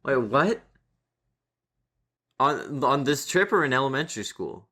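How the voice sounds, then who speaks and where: A man's voice: mid-range voice, very animated, measured pace, sharp tone. A young man co-hosting a podcast, laid-back and swearing casually as he tells a story over a voice call. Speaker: podcast co-host. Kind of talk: casual chat. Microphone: computer mic over a voice call.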